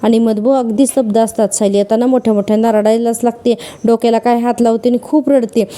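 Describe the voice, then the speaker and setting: Brief: a female reviewer retelling an episode, animated and chatty, dark mellow timbre. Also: fairly high pitch, quick pace. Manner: animated storytelling, acting out quoted dialogue. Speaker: TV serial reviewer. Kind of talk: casual episode recap.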